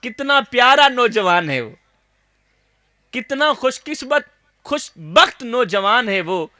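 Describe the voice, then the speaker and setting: Male Saraiki preacher, high bright voice, impassioned declamatory sermon delivery. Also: sing-song, no room sound, studio quality. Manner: emotional, declamatory, rises to shouting; addresses listeners as brothers.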